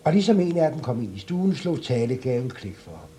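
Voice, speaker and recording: A male storyteller reading a fairy tale aloud with animated expression. His voice sits at an ordinary pitch but swings widely, with a faint hiss of noise beneath.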